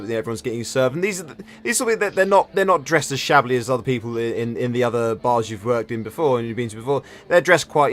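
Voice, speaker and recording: A man narrating a tabletop game as game master, improvising descriptions haltingly and repeating words as he goes. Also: mid-range voice.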